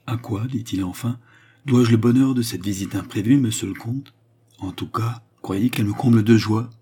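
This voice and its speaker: A man's voice: lowish voice, moderate pace, warm tone, husky. A man reading a calculating old baron whose courtesy sounds forced and stiff. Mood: guarded.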